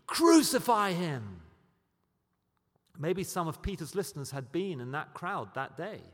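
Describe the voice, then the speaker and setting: A British man preaching a sermon, building to loud, emphatic peaks on key points. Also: on the high side, long reverb tail. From Britain.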